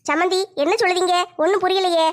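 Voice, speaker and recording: A woman's voice: very high voice, little pitch movement, fast. A woman playing a fussy doting mother-in-law. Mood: fussing. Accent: southern Tamil Nadu. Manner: fretful, pleading.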